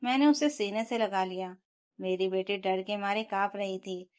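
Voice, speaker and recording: A woman telling a scripted first-person family story with steady, emotional, dramatic delivery. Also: medium pitch, moderate pace, clear, resonant tone.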